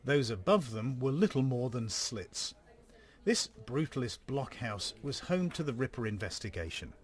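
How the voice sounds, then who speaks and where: A man co-hosting a podcast, giving scripted true-crime narration in a measured storytelling delivery. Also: medium pitch, husky.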